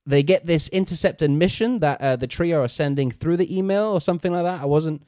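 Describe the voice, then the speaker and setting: A man hosting a casual review podcast, his voice a touch high and very smooth. The sound is dry and close. He talks in an animated way, laughing and acting out quotes. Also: a little fast, dry recording. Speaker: podcast host.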